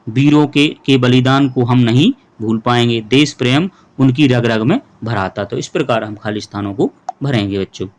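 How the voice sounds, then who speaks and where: A man's voice: medium pitch, moderate pace, hardly any pauses, slight background noise. A male teacher going through a workbook lesson for young pupils, explaining each answer patiently and step by step while addressing the children.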